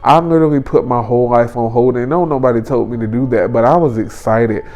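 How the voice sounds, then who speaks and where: A man's voice: medium pitch, fast talker, darkish tone. A man in his twenties telling a personal story in a vlog. He talks casually and with emphasis, and he often repeats phrases for effect. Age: 20s. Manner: casual colloquial speech. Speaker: vlogger.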